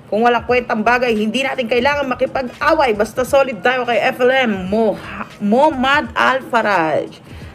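A woman chatting on a live stream, reading out viewer comments between frequent laughs. Her voice sits a little high for a woman, and faint music plays behind her. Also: normal speed, fairly bright tone. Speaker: livestream vlogger reading comments. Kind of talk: casual livestream chat. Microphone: phone or webcam on a live stream.

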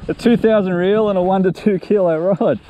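A young man, a fishing vlogger, talking casually to an action camera from his kayak on a lake, chatty and quick to exclaim. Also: high-pitched, lo-fi sound. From Australia. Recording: wind and water noise outdoors.

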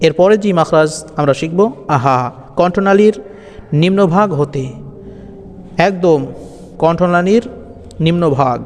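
A man teaching Arabic letter pronunciation in an online lesson, speaking patiently and repeating each sound with a drawn-out chant. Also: on the high side, a little mellow, big-room sound. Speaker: Quran teacher.

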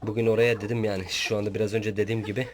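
Brief: man farm vlogger, lowish voice, chatty, coaxes and scolds his birds, poultry clucking behind. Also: flat delivery, racing. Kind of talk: casual farm vlog narration. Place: outdoors at a small backyard farm. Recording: outdoor farm with audible poultry noise. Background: chickens and roosters clucking.

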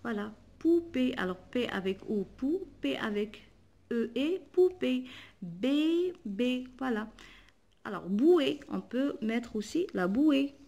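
Slow, patient woman teacher. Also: a little high, sing-song, creaky, warm tone. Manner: slow, patient, repeats words and spells letters aloud. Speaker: primary school teacher. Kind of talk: workbook lesson explanation.

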